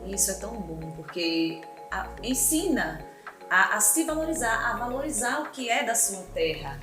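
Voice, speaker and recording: A woman hosts a school podcast, chatting casually and enthusiastically with her guests and affirmingly calling out to listeners as "minha gente." Her mid-range voice swings widely in pitch at a normal speed, in an echoey room with background music.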